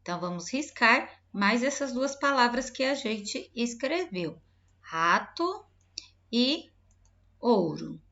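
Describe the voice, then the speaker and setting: A Brazilian woman teacher giving a recorded lesson to young pupils, drawing out each word slowly as she dictates. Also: fairly high pitch, very animated, pushed and bright, muffled recording. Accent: Brazilian Portuguese. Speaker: primary school teacher. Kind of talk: recorded remote lesson for children.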